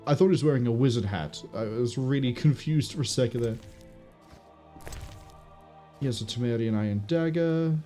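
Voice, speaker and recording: Male let's-player, mid-range and mellow, playful off-the-cuff game commentary. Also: medium pitch, normal speed, pauses often, faint music behind. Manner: playful, wry asides. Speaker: gaming streamer. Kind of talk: casual playthrough commentary.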